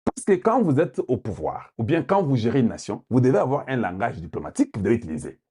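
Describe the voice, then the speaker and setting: A man from Congo with a Congolese French accent, delivering heated, forceful political commentary and repeating points for emphasis. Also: mid-range voice, sing-song, quick pace, husky. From Democratic Republic of the Congo.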